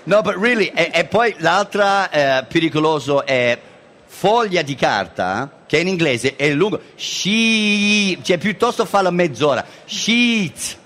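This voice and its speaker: A man's voice: fairly high pitch, animated, measured pace, a bit bright. Man with an English accent speaking Italian. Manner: playful, mixes English into Italian, acts out sounds. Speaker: English teacher guest. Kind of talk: casual radio chat.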